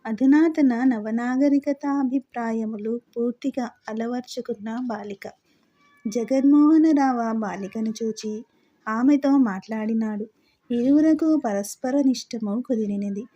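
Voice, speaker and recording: A woman reads a classic novel aloud, her voice pitched a little high yet soft and mellow in tone. She keeps a steady, formal literary delivery throughout. The recording sounds dull and lo-fi. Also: measured pace. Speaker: audiobook narrator.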